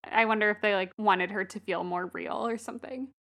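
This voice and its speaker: A woman co-hosting a casual movie discussion podcast, conversational and quick to agree. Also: mid-range voice, fairly even intonation, a bit bright. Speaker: podcast co-host.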